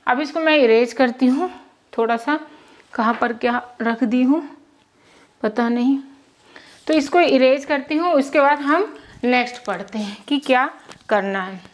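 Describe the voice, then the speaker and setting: Woman, English teacher, whiteboard lesson, drawn-out repeated sounds, self-answered questions, fairly high voice. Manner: repeats sounds slowly, asks and answers her own questions. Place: classroom with whiteboard.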